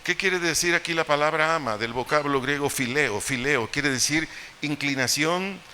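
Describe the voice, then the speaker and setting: Bright-voiced Mexican pastor preaching. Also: male voice, on the high side, moderate pace. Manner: teaching, with rhetorical questions to the congregation and humorous asides. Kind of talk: sermon. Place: church hall. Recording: echoey church hall, faint noise.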